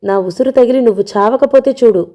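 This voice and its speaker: A woman reads out a furious middle-aged mother in an audio novel, her dark, mellow voice pouring out accusing tirades. She scolds without pause, bitter and wounded. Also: on the high side, dull audio, lightly acted. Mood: bitter scolding.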